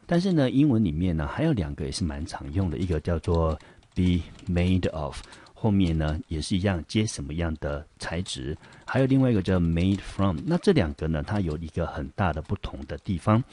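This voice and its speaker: A man's voice: low-pitched, warm tone. A man teaching English vocabulary, patiently explaining each word and example sentence step by step. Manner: patient, explains step by step and asks the class rhetorical checks.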